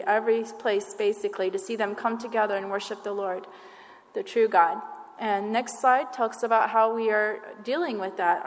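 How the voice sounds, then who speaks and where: Missionary woman from Northwest Florida, a bit high-pitched, halting and earnest, church hall echo. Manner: earnest, halting, many fillers and restarts. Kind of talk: church missions presentation with slides. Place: church sanctuary. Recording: long hall reverb.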